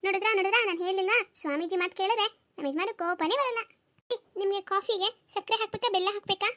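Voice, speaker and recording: A devoted, chatty middle-aged wife from a comedy cartoon. She talks eagerly, very high and fast. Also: pushed and bright.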